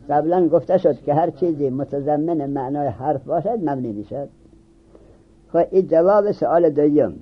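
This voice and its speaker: A man teaching a seminary-style grammar class. His voice sits a little high, and he keeps asking questions and then answering them. The recording is muffled and lo-fi. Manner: questions students and answers himself. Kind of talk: classroom lecture on Arabic grammar. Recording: dull lo-fi recording.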